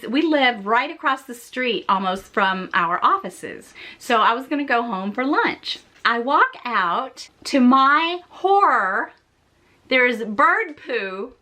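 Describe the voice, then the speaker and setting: A middle-aged woman vlogger telling a story to her viewers in a casual, animated way, often laughing and exclaiming as she talks. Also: a little high. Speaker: fashion vlogger.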